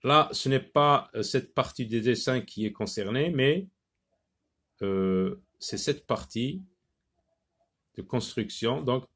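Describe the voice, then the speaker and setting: Slow, deliberate male phonics teacher. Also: medium pitch, animated, a bit bright. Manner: slow, deliberate, repeats words syllable by syllable. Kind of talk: phonics lesson for children.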